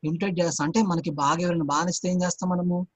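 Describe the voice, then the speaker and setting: A man's voice: high-pitched, fairly even intonation, very fast, husky, no room sound. A man teaching a Sunday school Bible lesson to children, constantly quizzing them with repeated questions.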